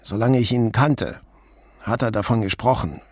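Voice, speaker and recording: A man voicing Nino, an excitable middle-aged drinker who talks eagerly and pushes his point. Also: mid-range voice, moderate pace, no room sound, studio quality, lightly acted. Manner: eager, talkative, pushy.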